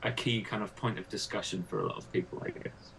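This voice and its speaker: A man with a lowish voice asks questions in a relaxed research interview, faint noise behind him. He thinks aloud as he goes and strings thoughts together with fillers. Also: quick pace, creaky, rough recording. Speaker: interviewer, PhD student.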